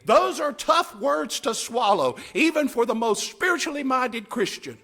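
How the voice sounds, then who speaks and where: A man preaching a camp meeting sermon in an emphatic, dramatic way, swinging between hushed phrases and loud cries and repeating short phrases for emphasis. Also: extremely high pitch, animated, measured pace.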